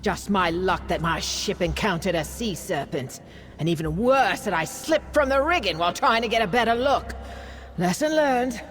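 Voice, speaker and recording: Rueful shipwrecked sailor. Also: male voice, sits high, expressive, normal speed, a bit bright, faint music behind. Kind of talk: video game character acting.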